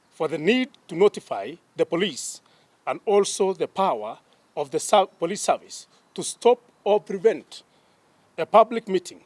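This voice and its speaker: A man with a Kenyan accent, a police spokesman reading a formal statement in a deliberate, emphatic way. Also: high-pitched, dry recording. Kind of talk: official press statement.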